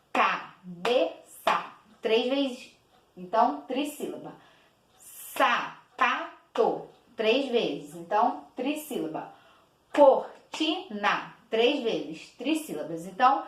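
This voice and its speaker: A woman teacher gives a patient children's lesson, clapping out each syllable slowly and repeating words. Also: fairly high pitch. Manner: slow, clapping out each syllable, many diminutives. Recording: echoey room.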